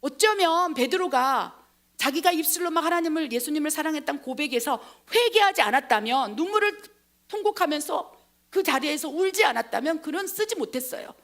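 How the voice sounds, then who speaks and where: High, animated woman preacher. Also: fairly quick. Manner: animated, dramatic storytelling preacher. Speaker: missionary pastor. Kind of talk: Korean sermon with acted retelling.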